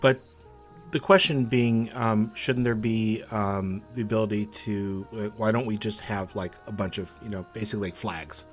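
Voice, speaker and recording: A man co-hosting a casual coding stream, explaining in a hesitant, halting way with many ums, with faint music behind. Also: on the low side, fairly even intonation. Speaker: co-host developer. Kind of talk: casual chat.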